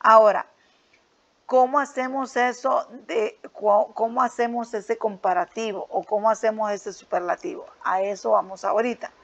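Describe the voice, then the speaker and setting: A woman's voice: on the high side, fairly even intonation, normal speed. A woman teaching English grammar to school students, explaining a worksheet step by step and checking in often with "ok?" and "right?". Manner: patient, repeats "¿ok?" and "¿verdad?" often. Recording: dull lo-fi sound.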